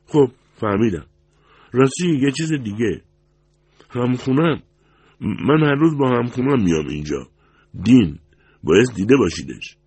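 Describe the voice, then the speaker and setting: A man's voice: medium pitch, expressive, pauses often, a little mellow, slightly rough, no room sound, pitched above the performer's own voice. A man voicing a restless man who keeps pressing to learn where a missing waitress went, in an anxious, insistent manner. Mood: probing.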